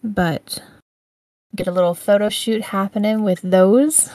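A woman co-hosting a podcast in casual chat, relaxed and full of fillers, laughing along with her friend. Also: mid-range voice, a little slow, dry recording. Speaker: podcast co-host.

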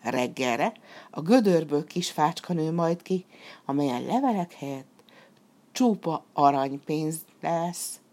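A woman voicing a sly, flattering female fox in a storybook reading, with a sweet, wheedling, drawn-out way of talking. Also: low-pitched.

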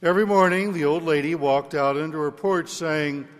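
Priest in a long cathedral echo. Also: male voice, on the high side. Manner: slow, measured church reading, sung responses. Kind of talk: liturgical gospel reading and homily. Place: large church. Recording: long church hall reverb.

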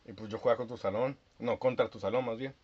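A young man with a Mexican accent, co-hosting a podcast in casual chat, often halting and repeating words while recalling things. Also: medium pitch, steady tone, darkish tone, slightly rough. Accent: Mexican Spanish. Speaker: podcast co-host. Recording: dull lo-fi with faint hiss.

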